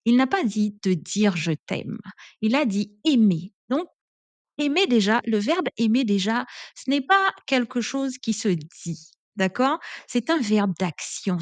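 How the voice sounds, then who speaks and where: Casting: woman relationship coach, emphatic and chatty, mid pitch, dry close sound. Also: no echo. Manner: emphatic, chatty, full of asides like "hein". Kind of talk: advice vlog monologue.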